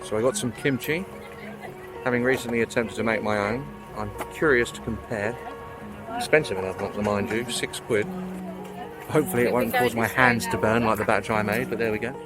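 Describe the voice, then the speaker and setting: A man speaks casually to camera in a mid-range voice. His delivery is wry and understated, like relaxed vlog commentary. Music is clearly audible behind him. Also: medium pitch, brisk. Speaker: travel vlog presenter. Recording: music over location vlog audio.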